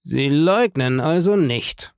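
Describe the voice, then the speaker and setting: Cold commanding prosecutor, cutting and sharp, voiced by a male reader; gravelly, close and dry. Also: medium pitch, measured pace, no echo. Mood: accusing.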